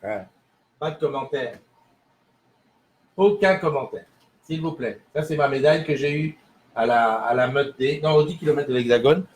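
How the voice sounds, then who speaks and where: A man's voice: medium pitch, moderate pace, pauses often, breathy edge. A man hosting a casual morning livestream from a small studio, rambling and answering viewer comments as he reads them. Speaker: livestream host.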